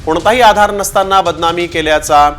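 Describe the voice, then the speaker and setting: A man reading television news bulletins in a formal, steady way. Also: sits high, moderate pace. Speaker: news anchor.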